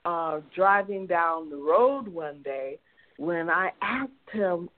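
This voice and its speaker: A woman's voice: on the low side, slow. Woman telling a story over a tinny phone line. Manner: animated, acts out family quotes. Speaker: guest researcher. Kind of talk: personal storytelling in an interview.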